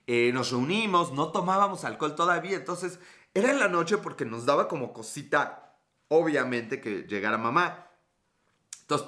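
A man's voice: mid-range voice, bright, forceful tone. A man in his thirties with a Mexican accent, hosting a casual, joking live stream and reading out viewer comments. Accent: Mexican Spanish. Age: 30s. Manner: joking, profane, reads out chat comments.

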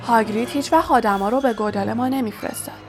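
A woman's voice: fairly high pitch, faint music behind, close to an everyday voice. A woman voicing an ancient, blind giant male spider in an audiobook, speaking in furious outbursts. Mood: irritated. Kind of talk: audiobook reading.

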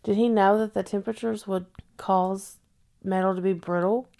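A woman's voice: mid-range voice, fairly even intonation, normal speed, gravelly, warm tone. A woman co-hosting a podcast, reacting with short exclamations in casual chat. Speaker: podcast co-host.

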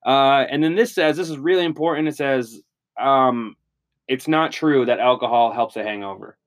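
A man's voice: medium pitch, normal speed. Young guy cohosting a chatty show, rambles, lots of ums, reads tips off a list. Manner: rambling, reads tips aloud with filler words. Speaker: podcast co-host. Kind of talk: casual chat.

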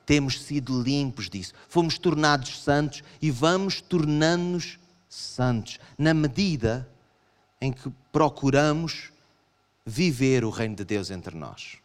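A man with a European Portuguese accent preaching a sermon to a congregation, animated and acting out his listeners' objections. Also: measured pace. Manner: animated, acts out voices of the congregation in raised pitch. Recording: long hall reverb.

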